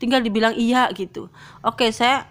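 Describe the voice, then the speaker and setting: A middle-aged woman telling a personal testimony, hesitant and full of fillers and restarts, growing high and strained with emotion. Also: fairly even intonation, normal speed, a bit bright. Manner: pitch rises high and tense as she grows emotional. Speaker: convert telling her testimony.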